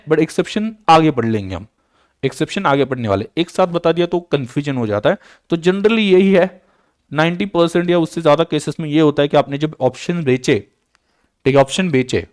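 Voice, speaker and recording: This recorded online accounting lecture features a man with a fairly high-pitched voice, captured dry and clean in a studio. Mixing English terms into his teaching, he often confirms understanding by asking "बराबर?" or "clear?", restates the main points, and eases his pace to dictate journal entries.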